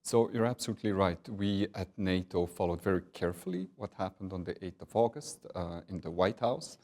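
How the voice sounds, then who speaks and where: Guy, deep voice, slow diplomatic answers w lots of uhs. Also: darkish tone. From Hungary. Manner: measured, diplomatic, with frequent filler pauses. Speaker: NATO partnerships director, guest. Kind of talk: interview answers.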